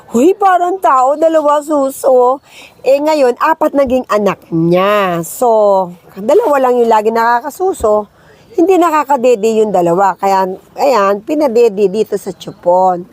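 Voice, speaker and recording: A woman's voice: on the high side, lively intonation, measured pace, a little mellow. A Filipino woman vlogging casually, cooing in sing-song baby talk and laughing often. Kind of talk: casual vlog commentary.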